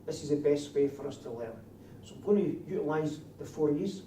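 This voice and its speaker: A man's voice: on the high side, a little fast, mellow. A man with a broad Scottish accent teaching a class as a trainer, putting questions to his trainees. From Scotland. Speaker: trainer of door supervisors. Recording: distant mic, echoey room, faint noise.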